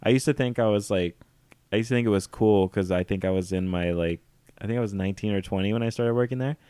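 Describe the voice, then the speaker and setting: Brash, laughing man with a low voice. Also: fast talker, mellow, smooth, no echo. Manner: brash, profane, laughing storyteller. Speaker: podcast co-host. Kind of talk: casual chat.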